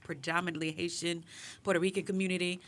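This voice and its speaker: Bright-voiced woman in her forties, from Brooklyn. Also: on the low side, quick pace, slight background noise. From Brooklyn, New York, USA. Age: 40s. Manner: relaxed, animated reminiscing with frequent "you know". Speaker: musician guest. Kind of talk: casual interview storytelling.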